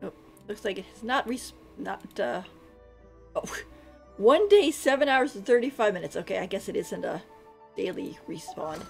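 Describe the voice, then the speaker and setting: A woman with a medium-pitched, gravelly, expressive voice gives casual live commentary at a moderate pace while playing a game. The streamer giggles and thinks aloud as game music plays in the background.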